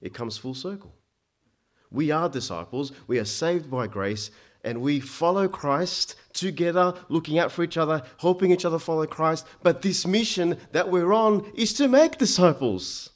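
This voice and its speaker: Emphatic preacher born in Egypt. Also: male voice, lively intonation, normal speed. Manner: emphatic, rising to loud peaks then dropping low; frequent stammered restarts. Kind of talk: sermon.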